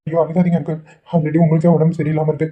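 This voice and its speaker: A man voicing a kind, polite young village man in a cartoon, speaking gently and reassuringly. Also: on the high side, flat delivery, rapid-fire, breathy edge. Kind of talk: Tamil cartoon voice acting. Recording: tinny phone-like lo-fi audio.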